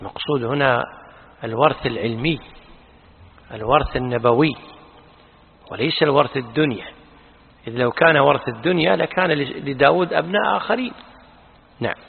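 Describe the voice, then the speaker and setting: Brief: male religious teacher, husky gravelly voice, measured corrections, thin phone-like sound in a big echoey space. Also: medium pitch. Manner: corrects and explains the reading, measured. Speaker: sheikh teaching Quran commentary. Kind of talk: scholarly commentary in a lesson. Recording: phone-like with long reverb.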